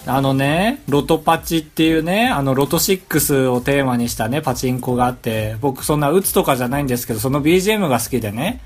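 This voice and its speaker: A man's voice: mid-range voice, lively intonation, fast, few pauses. A man co-hosting a podcast in casual chat, teasing and laughing often. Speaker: podcast co-host.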